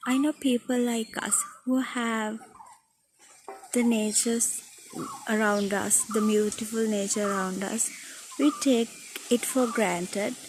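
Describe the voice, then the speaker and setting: A woman narrating a casual nature vlog outdoors in halting short phrases, recorded on a phone with wind on the mic. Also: on the high side, fairly even intonation, a little mellow, rough recording. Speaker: vlogger. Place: outdoors in a garden on a windy day. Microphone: handheld phone. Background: wind and chirping birds.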